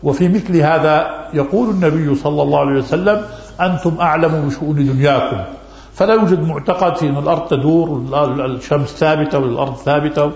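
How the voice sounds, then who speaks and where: A male religious scholar answers listeners' questions at a rapid pace in a rather high voice. He repeats key phrases to drive his points home. The recording is roomy and dull, like lo-fi audio of a lesson. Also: a little mellow.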